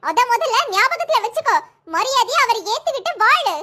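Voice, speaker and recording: A caring young woman who keeps the peace in the family. Her voice is very high and bright. She talks in a coaxing, persuasive way. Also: expressive, brisk, heavily acted.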